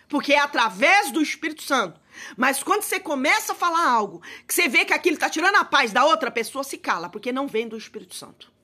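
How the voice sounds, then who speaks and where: High bright-voiced woman preaching fervently. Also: big pitch swings, quick pace. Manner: fervent preaching, direct address to listeners; rising to shouted prayer. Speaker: missionary preacher. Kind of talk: sermon.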